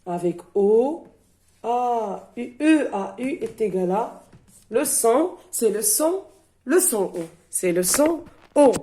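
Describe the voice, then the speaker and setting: Woman teacher, mellow and somewhat high voice, spells out sounds at a very slow pace. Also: lively intonation. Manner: spells letters one by one and repeats each sound. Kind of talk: slow syllable-by-syllable reading lesson.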